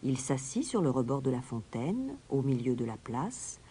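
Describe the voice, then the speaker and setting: Low husky woman telling a story. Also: normal speed. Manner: expressive, drops to a whisper for suspense. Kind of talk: storybook narration.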